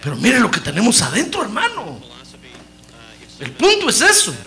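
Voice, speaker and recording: Predicador animado, voz aguda y brillante. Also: male voice, extremely high pitch, moderate pace, faint music behind. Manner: lively, animated preaching that acts out dialogues. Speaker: preacher. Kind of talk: sermon.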